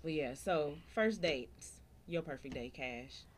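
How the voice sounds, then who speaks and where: A woman's voice: low voice, takes it slowly, slight background noise. A woman co-hosting a casual chat, talking bluntly with lots of profanity and acting out what people said. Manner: blunt, profane, animated storytelling with acted-out quotes. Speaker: podcast co-host.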